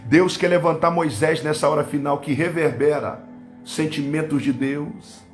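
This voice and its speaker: A Brazilian man preaches live to his online flock in a raised, high voice. He surges from loud cries down to low asides and slips into tongues. Faint music runs under his words. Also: a little slow. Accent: Brazilian Portuguese. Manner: fervent, swinging between loud bursts and low asides, speaking in tongues. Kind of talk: live-streamed Pentecostal sermon. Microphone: webcam or phone on a live stream.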